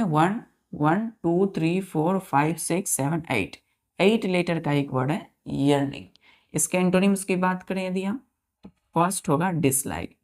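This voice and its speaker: A woman teaching a vocabulary lesson, slowly spelling words out letter by letter and often asking her students whether it is clear. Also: fairly low pitch, a little mellow. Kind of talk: classroom lesson.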